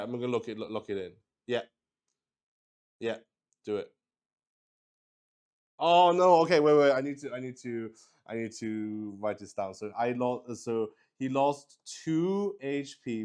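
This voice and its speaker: Improvising as host of a one-player roleplaying game, this man narrates in a loose, excitable way, stumbling, going back over his words and letting out mild curses. He speaks at a medium pitch with a clear, resonant tone.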